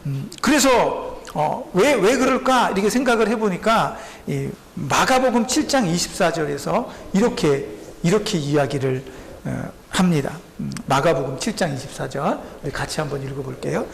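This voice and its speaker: Guy pastor preaching, pretty high voice w/ some gravel, acts out the characters, big echoey church. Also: moderate pace. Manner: animated, acts out the people in the story; speaks directly to the congregation. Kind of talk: sermon. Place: church sanctuary. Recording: echoey church hall, faint ambience.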